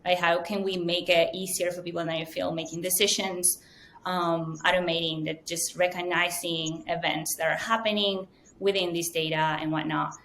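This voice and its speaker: A woman's voice: lowish voice, flat delivery, normal speed, fairly bright tone, a little hiss or hum. A woman from Venezuela, answering interview questions fluently and earnestly, with frequent ums. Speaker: guest, data science manager.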